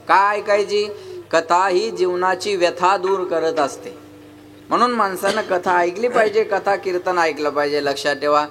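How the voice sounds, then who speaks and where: A man's voice: sits high, fairly bright tone. A man preaching a devotional sermon with sung verses, joking and calling on the audience to answer him. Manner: jokey, keeps asking the audience to answer back. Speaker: kirtan preacher.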